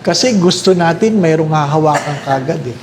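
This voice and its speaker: Animated Filipino priest giving a talk. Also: male voice, normal speed, slight background noise. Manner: animated storytelling with high-pitched voices for characters.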